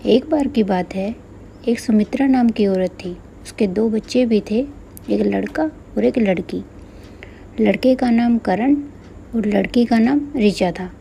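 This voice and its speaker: A woman's voice: mid-range voice, unhurried, vocal fry, warm tone, slight background noise. A woman narrating a moral storybook tale in a plain storytelling manner.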